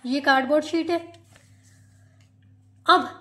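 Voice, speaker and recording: A woman with an Indian accent and a high, light voice gives a maths lesson. She works through every step patiently and keeps checking with her students. Her voice sometimes drifts a little off the mic as she moves to write. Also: slow, fairly bright tone. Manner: patient, explains step by step, often calls students "beta". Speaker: maths teacher.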